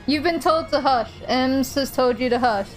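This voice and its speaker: A young woman streams a game and chats casually with friends, self-deprecating and quick to laugh. Her voice sits a little high. Faint music plays behind her. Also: rough recording. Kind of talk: casual chat while streaming.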